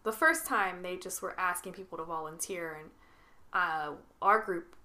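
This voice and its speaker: A woman co-hosting a podcast, telling a story in casual chat with animated delivery and frequent laughter. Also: lowish voice, normal speed. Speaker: podcast co-host.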